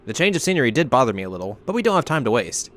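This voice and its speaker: A man's voice: medium pitch, big pitch swings, very fast, fairly bright tone. A man reading game text aloud as a let's player, with dramatic delivery and joking asides. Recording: faint background noise.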